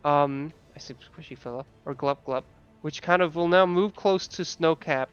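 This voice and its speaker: A man improvising narration as game master of a tabletop game, halting as he searches for descriptions. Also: on the high side, smooth, highs cut off, faint music behind.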